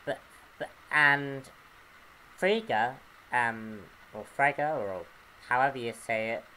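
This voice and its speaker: A man giving an unscripted comic book review, earnest and hesitant, often pausing to search for words. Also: mid-range voice, pushed and bright, a little hiss or hum, rough recording.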